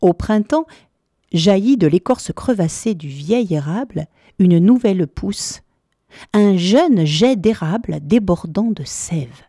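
Female storyteller, mellow and measured, lilting delivery, dry booth sound. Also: medium pitch, expressive, breathy edge, no echo. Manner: measured, lilting, dramatic pauses. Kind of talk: storybook narration.

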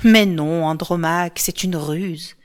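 A woman voicing a desperate young Trojan prophetess who cries out high and pleading. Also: slow. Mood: insistent.

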